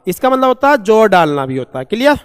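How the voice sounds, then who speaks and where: A man's voice: high-pitched, sing-song, clean tone. Man, vocabulary teacher, asks and answers himself, resonant voice, long reverb. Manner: asks and answers his own questions, calls students "beta"; reads English examples out slowly. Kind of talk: vocabulary lesson.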